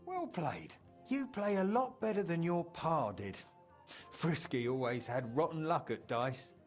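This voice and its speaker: An actor voices a jovial, roguish middle-aged tradesman in video game dialogue, colloquial and teasing as he reminisces about his wild youth. The voice is a little high, expressive and a little slow, with faint music behind.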